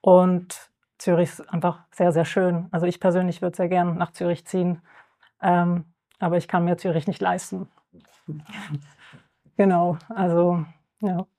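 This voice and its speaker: Young woman panelist, low and even, hesitant, thinks aloud. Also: measured pace, pauses often. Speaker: panel guest. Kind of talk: panel discussion.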